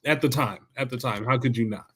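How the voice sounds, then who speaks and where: Man from california's bay area, podcast guest, relaxed storyteller, mid-pitched voice. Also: fairly quick, husky. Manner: relaxed storyteller, acts out quoted coaches. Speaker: guest, former football player and high school coach. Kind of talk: casual interview storytelling.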